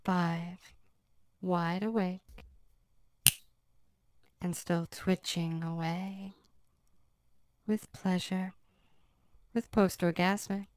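Smooth, flat-voiced woman hypnotist. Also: lowish voice, extremely slow, long pauses. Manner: commanding, repetitive hypnotic phrasing. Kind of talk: slow hypnosis recording.

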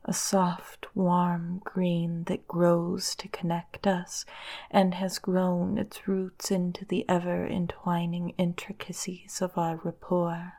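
A woman softly guiding a hypnosis in a lulling, breathy voice that often drops to a whisper, close in the listener's ear. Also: on the low side, completely flat delivery. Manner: slow, soothing, lulling delivery. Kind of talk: whispered guided hypnosis, ASMR.

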